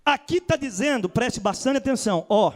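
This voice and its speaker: A man's voice: extremely high pitch, animated, normal speed. A Brazilian man, a pastor, preaching a sermon with a Brazilian Portuguese accent and big dramatic swings in his voice.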